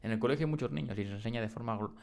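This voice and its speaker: A man's voice: mid-range voice, rapid-fire, vocal fry, darkish tone. A man who mentors children with dyslexia, talking parents through the warning signs in a casual, explanatory way and often checking in with "¿vale?". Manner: conversational, repeats "¿vale?" and "¿de acuerdo?" to check in. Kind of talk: informal explainer addressing parents.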